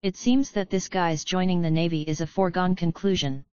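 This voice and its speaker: A woman's synthetic voice reading a laid-back male navy admiral in a flat delivery, recorded with dull lo-fi sound. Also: on the low side, brisk, clean tone, no echo, lightly acted. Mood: wry.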